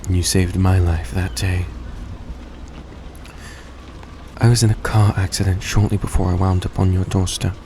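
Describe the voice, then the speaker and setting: In a roleplay audio drama, a man voices a suave, gracious vampire who is centuries old yet young-looking, speaking softly and coaxingly to the listener in a genteel manner. His low voice moves briskly, earnest and grateful, tender throughout. A steady, vehicle-like background noise runs under the recording.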